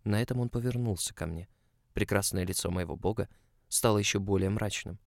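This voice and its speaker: A man reading a first-person story aloud, emotional and confessional in tone. His voice is low and even. The recording is dry, with no echo around it. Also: a little fast, creaky. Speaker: audiobook narrator.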